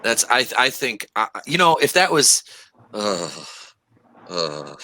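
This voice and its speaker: Podcast guy ranting, crude and mocking, really bright voice. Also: mid-range voice, sing-song, slow. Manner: profane, mocking banter. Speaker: podcast co-host. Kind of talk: casual chat.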